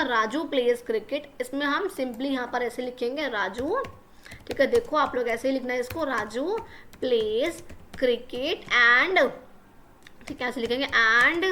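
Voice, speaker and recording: A high, bright-voiced woman teaches a lesson to children. She speaks, patiently repeats every point and keeps asking her pupils whether they understood. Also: a little hiss or hum. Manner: patient, repeats each point, asks the class questions.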